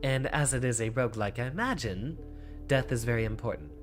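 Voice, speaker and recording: A man's voice: medium pitch, a little fast. A man giving casual commentary as he plays a card game, boastful and thinking aloud. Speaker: streamer playing a card game. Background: music.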